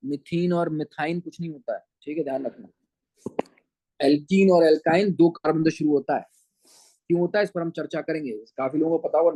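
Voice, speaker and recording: A man's voice: fairly high pitch, warm tone, dry recording, rough recording. Man teaching chemistry in Hindi, dry close sound. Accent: Punjabi-flavoured Hindi. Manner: addresses students as beta, keeps checking understanding. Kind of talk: online lecture.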